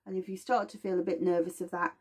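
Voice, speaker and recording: Woman as a gentle teacher, husky and low-pitched, rambling warmly. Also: little pitch movement, fast. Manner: gentle, rambling, personifies plants. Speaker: aromatherapy teacher. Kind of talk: informal lesson.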